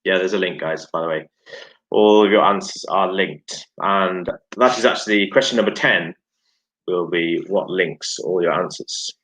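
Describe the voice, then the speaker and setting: A man and teacher reading out quiz questions loudly, with a dry, joking manner. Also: low-pitched, moderate pace, rough recording. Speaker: teacher, guest quizmaster. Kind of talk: online quiz hosting.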